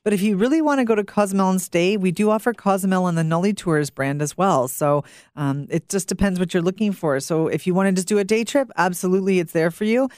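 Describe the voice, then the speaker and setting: A woman's voice: fairly low pitch, fast, a little mellow, no echo, studio quality. A woman talking informally on the radio as a travel company guest.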